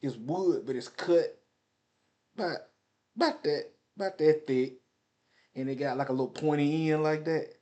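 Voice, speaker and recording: A man's voice: on the high side, moderate pace, pauses often, a little mellow. A man in his forties reminiscing casually on a vlog, rambling in slangy talk and often repeating himself. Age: 40s. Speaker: vlogger. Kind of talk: casual nostalgic storytelling.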